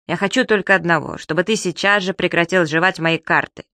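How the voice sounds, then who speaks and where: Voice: mid-range voice, brisk, sharp tone, no echo. A reader playing a fussy, exasperated grown man who talks in a stern, grumbling way.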